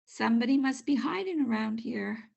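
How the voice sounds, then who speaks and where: A woman's voice: fairly high pitch, animated, moderate pace, creaky, darkish tone, lo-fi sound, full character voice. A woman voicing a puzzled, kindly male night watchman in a storybook, exclaiming and questioning. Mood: puzzled, suspicious.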